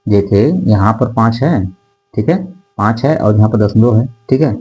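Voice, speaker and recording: Over poor audio, a man with a fairly low, darkish, husky voice teaches decimals at a classroom whiteboard. Repetitive by habit, he reads numbers slowly one digit at a time and keeps checking in with his students using "theek hai."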